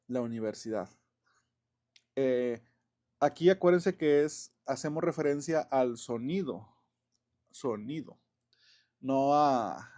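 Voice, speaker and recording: In a relaxed classroom explanation, a male English teacher with a slightly mellow, mid-range voice goes over grammar. He keeps it chatty and loose, often using fillers, correcting himself and chuckling softly.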